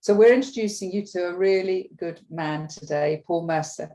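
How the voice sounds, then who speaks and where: A woman hosts a live business chat in a fairly low, mellow voice. She sounds eager and enthusiastic, pausing often with ums as she builds her thoughts. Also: poor audio. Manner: enthusiastic, hesitant with many ums. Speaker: host.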